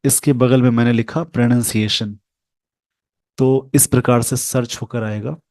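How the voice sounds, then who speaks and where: A man teaching English pronunciation over a screen share, speaking slowly and carefully and repeating sounds for his learners. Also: medium pitch, fairly even intonation, darkish tone, dry recording.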